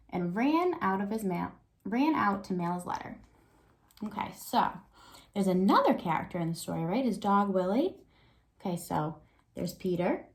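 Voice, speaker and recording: An elementary school teacher with a mid-range, slightly mellow voice reads aloud to young children as a reading lesson. She thinks aloud, using prompting questions and check-in tags.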